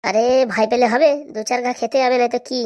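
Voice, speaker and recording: A woman's voice: fairly high pitch, steady tone, fast, darkish tone, close to an everyday voice. A woman voicing a scheming middle-aged mother in a comic cartoon, giving bossy, conspiratorial instructions. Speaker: cartoon voice actor.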